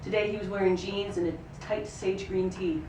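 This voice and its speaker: Heard from a distant microphone in a roomy, noisy venue, an actor reads from a book at a live event. She narrates in the third person with expressive storytelling, her pitch medium and her speed normal.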